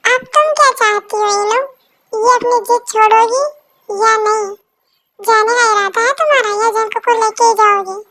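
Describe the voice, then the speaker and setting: A cheeky young wife in a fan dub drama, her voice very high and bright, sugar-sweet but sharp-tongued, as a woman plays her. She needles her rival with mocking sing-song politeness. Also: fairly even intonation, moderate pace. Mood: firm.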